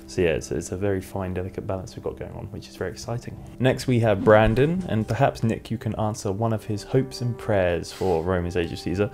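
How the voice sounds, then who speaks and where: A man co-hosting a casual Q&A, reading out community questions briskly and adding short agreeing asides. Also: fairly low pitch, darkish tone, soft background music. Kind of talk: casual Q&A chat.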